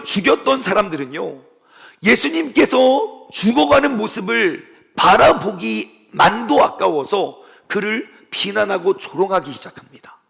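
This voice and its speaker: A male pastor preaching a sermon at a church service. He tells the story in an animated way and adds playful sound effects. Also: high-pitched, vocal fry, big-room sound.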